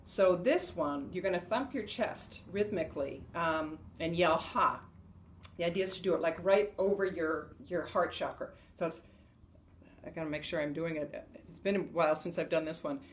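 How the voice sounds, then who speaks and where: Lower-voiced woman teaching breathing. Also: normal speed, slight background noise. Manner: chatty, laughs often, loud rhythmic "ha" shouts during exercises. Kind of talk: casual instructional talk to camera.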